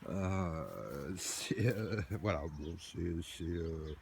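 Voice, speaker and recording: A man's voice: low voice, lively intonation, extremely slow, vocal fry, darkish tone, a little hiss or hum. A man giving a casual, hesitant walking tour of his own garden outdoors, with many fillers and restarts.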